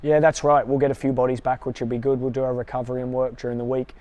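A man in his thirties, a football coach, answering questions in a post-match interview outdoors by the pitch, measured and quick with small restarts. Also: flat delivery, darkish tone.

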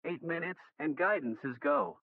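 A man's voice crackles through a tinny air-to-ground radio link that keeps breaking up, the words coming through garbled. He gives terse, clipped callouts. His voice has a gravelly edge and swings up and down in pitch. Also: wildly swooping pitch, moderate pace, no room sound. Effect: radio breaking up, garbled transmission. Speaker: astronaut reporting from a spacecraft.

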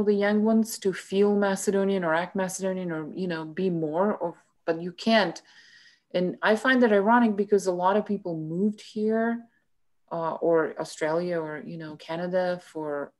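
A middle-aged woman with a slightly low voice talks reflectively as a guest speaker over a video call. Her phrasing is conversational and halting, broken up by frequent "you know" asides. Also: darkish tone. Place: indoor room with bookshelves.

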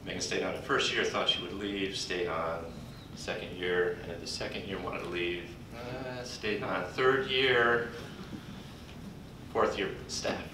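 An older conference speaker with a lowish voice introduces a colleague from a podium in a big indoor hall, warm-humored and folksy, halting with pauses. The podium mic was recorded from afar by a computer, leaving a distant, echoing sound over a steady background rumble.

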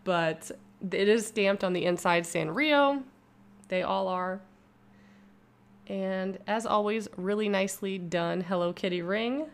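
A young woman's mid-range voice moves slowly as she reviews a bath product in a casual home voice-over for YouTube. The vlogger stays upbeat, chatty and enthusiastic throughout.

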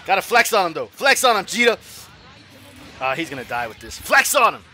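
A man giving live commentary on his own fighting game match, excitable, swearing and trash-talking. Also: sits high, fairly quick, a little hiss or hum. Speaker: gaming streamer.

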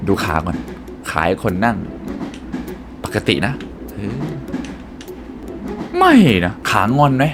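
A young man hosting a gaming channel, excitedly commenting on a puzzle game and talking to his viewers. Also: on the low side, slow, gravelly, long pauses, noisy background. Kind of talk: let's play commentary.

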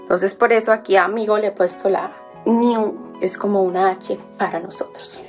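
A language teacher at a whiteboard patiently explains an alphabet, slowly spelling out each syllable one at a time. Her voice sits at a medium pitch with fairly even intonation, and soft music plays in the background.

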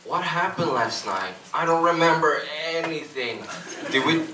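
Guy from the audience reading a naive trusting boyfriend, high voice, echoey room, mic far off. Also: expressive, unhurried, noisy background. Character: naive trusting man, Johnny. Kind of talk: live amateur script reading. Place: cinema stage before a live audience. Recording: echoey hall, picked up from afar.

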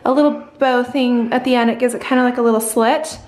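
A woman's voice: fairly high pitch, fairly even intonation, fast, darkish tone, reverberant, a little hiss or hum. A woman vlogging casually at home, chatting and gushing about clothes. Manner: chatty, gushing, coos at the kids. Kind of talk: casual vlog chat.

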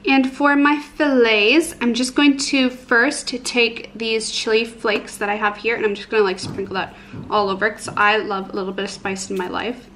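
This is a twenty-something beauty and lifestyle vlogger, bubbly and self-deprecating, talking informally to her viewers from her living room and kitchen. Her voice is fairly high and a bit bright, with fairly even intonation and a moderate pace, and there's a little hiss or hum in the recording.

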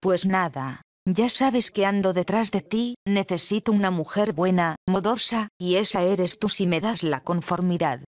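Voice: mid-range voice, measured pace, no echo, lightly acted. A reader voicing a proud, self-assured young woman, the eldest sister, in a dramatic play reading. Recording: dull, lo-fi, dry.

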